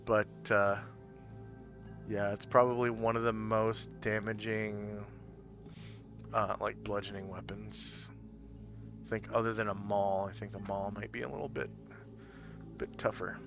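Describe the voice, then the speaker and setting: A man improvising narration as a tabletop game master, explaining things haltingly as he thinks aloud. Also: lowish voice, little pitch movement, gravelly, over music.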